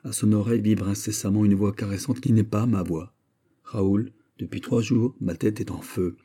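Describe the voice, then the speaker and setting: A lovesick young nobleman burning with jealousy pleads with his friend, as a man reads him aloud. His voice sits low and dark with a husky grain. He speaks in an impassioned, imploring way. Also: steady tone, moderate pace. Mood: jealous.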